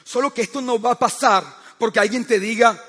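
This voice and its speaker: A male preacher with a very high voice delivers a sermon through a personal story, stumbling over repeated words as he goes. He keeps turning to the congregation with quick questions. His voice rings out with a long, echoing hall reverb. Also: fairly bright tone. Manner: storytelling, often asks the listeners "¿sabes qué?"; frequent stammered restarts.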